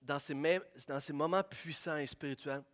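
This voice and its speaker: A young man preaching a sermon, telling stories in an animated way and slipping in English phrases. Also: a little high, moderate pace, a little hiss or hum. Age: young adult.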